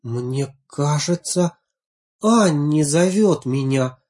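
A woman voicing a grieving mother in a storybook reading, speaking low, quiet and insistent. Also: lively intonation, takes it slowly, slightly rough, exaggerated voice.

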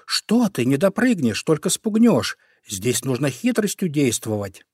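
A cunning vixen from a children's storybook, her voice pitched high and dripping with flattery, as a male narrator puts her on. She coaxes in a singsong tone and squeals when she is crossed. The sound is dry and close. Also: measured pace, husky, no echo, exaggerated voice. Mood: coaxing. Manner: honeyed, coaxing, turns shrill when crossed. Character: sly sweet-talking female fox. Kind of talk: storybook reading.

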